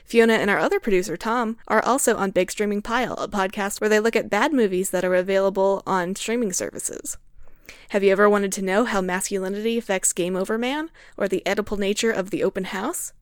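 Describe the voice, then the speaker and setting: A woman's voice: mid-range voice, brisk, clear, resonant tone, no echo, studio quality. A woman host and game master, reading friendly, upbeat credits and promos for her actual-play podcast.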